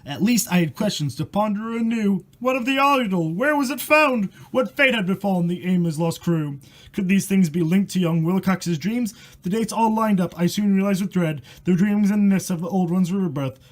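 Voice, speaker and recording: An amateur storyteller and host with a high, animated voice reads a rhyming horror story aloud at normal speed. He's dramatic and irreverent, stumbling over words and swearing in casual asides.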